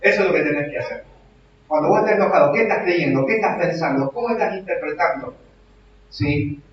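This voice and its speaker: A young adult man with a Rioplatense Argentine accent, preaching a sermon in a church hall, shifting from hushed reflection to loud emphatic exhortation. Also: on the high side, lively intonation, fairly quick, slight background noise. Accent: Rioplatense Argentine Spanish. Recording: very echoey hall, distant, dull.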